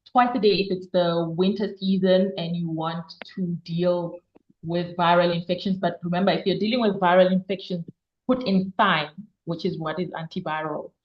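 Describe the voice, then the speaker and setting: A woman's voice: fairly low pitch, reverberant, highs cut off. A woman giving health advice in a casual question-and-answer chat, explaining at length and repeating words for emphasis. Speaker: health guest expert.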